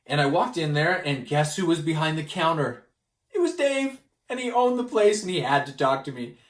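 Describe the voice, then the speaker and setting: A man from Canada presenting a gospel study lesson, telling a personal story with lively delivery and acting out the people in it. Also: fairly high pitch, moderate pace, reverberant. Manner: animated, acts out the people in his stories.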